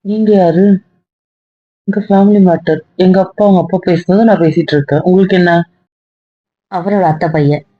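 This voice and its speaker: A woman with a lowish voice speaks in a firm, cutting way in an amateur web drama. The sound is dull and lo-fi, recorded close and dry. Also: steady tone, moderate pace, pauses often, no room sound. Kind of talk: amateur web series acting.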